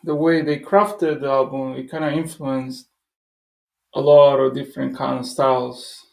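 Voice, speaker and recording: A man's voice: mid-range voice, little pitch movement, a little slow, gravelly, darkish tone, reverberant. A man from Costa Rica, a musician guest, talking loosely and eagerly in a casual interview. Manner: loose and enthusiastic, full of "like" and "dude".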